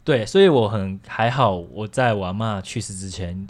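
Low-voiced young man with a Taiwanese accent. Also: moderate pace. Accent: Taiwanese Mandarin. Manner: candid, rambling, frequent restarts and laughs. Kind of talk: casual storytelling chat.

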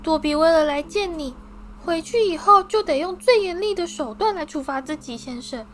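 A woman voicing a small, servile male house-elf with a high, shrill, squeaky voice and an overwrought, deferential manner. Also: animated, moderate pace, fairly bright tone. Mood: anxious.

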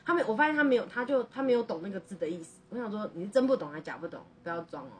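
A woman's voice: medium pitch, lively intonation, racing, a little mellow, far from the mic, a little hiss or hum. A young woman, a podcast co-host telling a personal story in an earnest, rambling way full of restarts.

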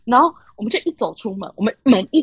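A woman's voice: on the high side, lively intonation, fast talker, creaky, breathy edge, no room sound, lo-fi sound. A young woman with a Taiwanese Mandarin accent telling a story in casual podcast chat, laughing often and acting out the voices of the people she quotes. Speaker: podcast co-host.

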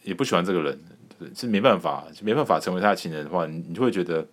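Deep-voiced, joking Taiwanese man. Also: animated, racing. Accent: Taiwanese Mandarin. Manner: joking and crude, laughing often, stumbling restarts. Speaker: podcast host. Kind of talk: casual podcast chat.

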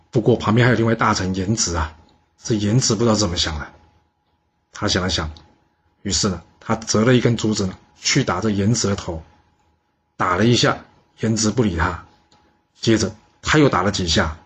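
Husky, low-voiced storyteller, a man. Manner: lively, colloquial, with many drawn-out particles. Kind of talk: historical storytelling.

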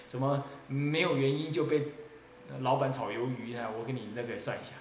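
A man doing a hushed, coaxing fortune-teller. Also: mid-range voice, steady tone, fairly quick, slight background noise, natural voice. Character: smooth-talking male fortune-teller monk. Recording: echoey roomy recording.

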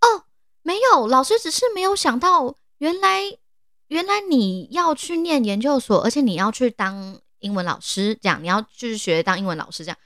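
A woman's voice: on the high side, expressive, normal speed, a bit bright, no echo, clean studio sound, pitched above the performer's own voice. A woman putting on the voice of a startled male professor who stammers in disbelief. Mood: fumbling. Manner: stammering, incredulous.

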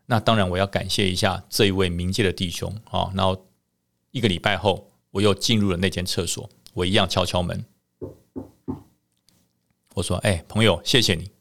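A man telling a story on a podcast, a former army officer, lively with many drawn-out fillers. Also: low-pitched, vocal fry.

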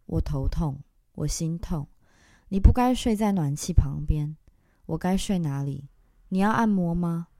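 A woman giving a dramatic reading of a stage text, in short broken phrases and long run-on lists. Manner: intense, halting delivery in short broken phrases; long breathless list, spoken low and soft.

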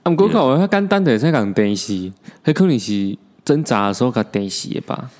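Brief: man, podcast co-host, middle-pitched joker who teases his partner. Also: lively intonation, brisk, darkish tone. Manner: joking, teasing, mixes in Taiwanese Hokkien. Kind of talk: casual podcast chat.

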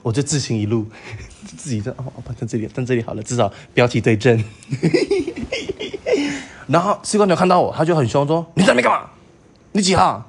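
A man's voice: medium pitch, fairly quick, breathy edge. Campy Taiwanese-accented young man storyteller. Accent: Taiwanese Mandarin. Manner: campy and animated, acts out quoted voices, laughs often. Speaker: podcast co-host. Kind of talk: casual storytelling chat.

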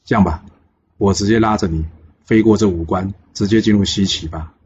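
A man's voice: fairly low pitch, brisk, a little mellow, slightly rough. A man voicing an eager, naive young male warrior who has grown wings, talking earnestly with frequent exclamations. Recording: dull lo-fi with faint hiss.

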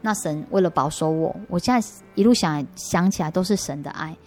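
Woman, Taiwanese Mandarin accent, lowish voice, earnest testimony, faint music underneath. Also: a little fast, darkish tone. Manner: earnest storytelling with restarts. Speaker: interview guest. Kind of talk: personal faith testimony.

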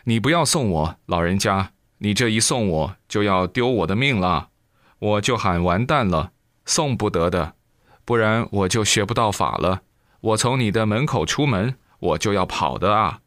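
An earnest young monk pleading in urgent bursts, as a male narrator reads him. The voice is lowish and the recording dry and close. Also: lively intonation, normal speed, a bit bright, dry recording. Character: devoted male monk student, earnest and frantic.

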